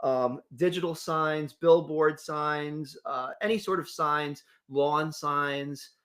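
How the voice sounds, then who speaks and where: A man's voice: a little high, slow pace, fairly bright tone. A man co-hosting a casual local morning radio show, upbeat and reading sponsor plugs with enthusiasm.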